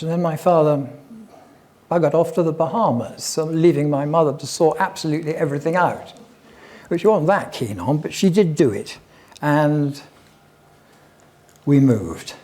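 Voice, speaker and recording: An older man tells stories to an audience in a chatty, wandering way, dropping in wry asides. His voice sits a little high for a man, but its tone is soft and mellow. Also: lively intonation, unhurried. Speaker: guest speaker at a local history talk. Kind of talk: anecdotal public talk.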